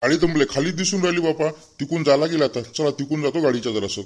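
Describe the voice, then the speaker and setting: A man with a fairly high, fast voice lightly acts the part of a fussy, self-righteous village man in a cartoon. Speaking with a Vidarbha Marathi accent, the character rambles and grumbles to himself.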